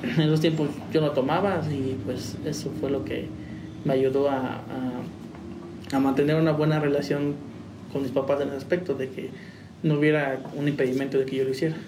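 This young musician guest has a medium-pitched voice and a flat delivery at normal speed. He tells his story loosely and rambles, restarting and laughing along the way, while the recording sounds roomy and distant with faint noise.

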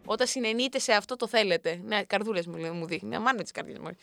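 A young woman hosting a show, telling a funny self-mocking story about a night out in a lively, animated way. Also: medium pitch, vocal fry, soft background music. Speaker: radio host. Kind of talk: comic storytelling monologue.

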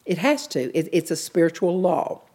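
A woman's voice: on the low side, very animated, moderate pace, mellow, husky. A woman teaching a sermon in an earnest, plainspoken way, repeating her key points. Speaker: Bible teacher.

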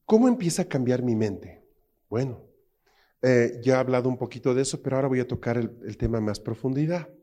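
A man's voice: medium pitch, expressive, a little fast, dark tone. A man preaching a sermon with emphasis, often asking the congregation rhetorical questions.

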